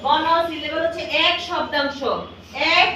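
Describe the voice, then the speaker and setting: A woman's voice: very high-pitched, steady tone, normal speed. A woman teaching a classroom lesson, asking questions and repeating answers for pupils to echo. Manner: repetitive, drills pupils with questions. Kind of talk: classroom lesson with call-and-response. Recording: echoey classroom from far off, noisy.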